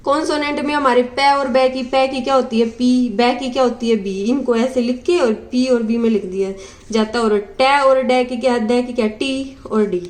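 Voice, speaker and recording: High-voiced woman teaching phonetics. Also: steady tone. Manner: drills sounds slowly, asks and answers her own questions. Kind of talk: exam-prep phonetics lesson.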